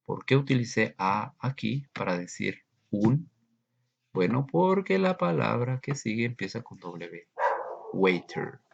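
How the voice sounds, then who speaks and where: A man teaching English grammar in a recorded lesson, slowly and patiently explaining and repeating examples. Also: on the low side, sing-song, creaky, lo-fi sound.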